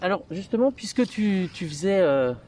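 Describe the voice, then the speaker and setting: Mellow Frenchman presenting through a face mask. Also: high-pitched, lively intonation, moderate pace, a little hiss or hum. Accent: French from France. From France. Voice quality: slightly muffled by face mask. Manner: conversational, hesitant delivery. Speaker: interviewer and reporter. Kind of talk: informal on-location introduction and interview.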